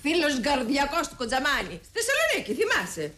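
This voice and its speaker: A bossy, nagging woman with a lively, rising voice. Clear noise sits behind her, with clicks, in a TV drama. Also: sits high, exaggerated voice. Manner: bossy, scolding.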